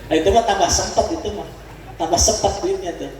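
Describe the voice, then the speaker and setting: A man's voice: high voice, a little fast, a little mellow, a little hiss or hum. A man preaching with a Sundanese accent, leading the congregation in call-and-response and chuckling between points. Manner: leads the crowd in call-and-response, chuckling often. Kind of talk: religious study sermon to a congregation. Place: large hall at a religious gathering. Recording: echoey hall, voice from far off.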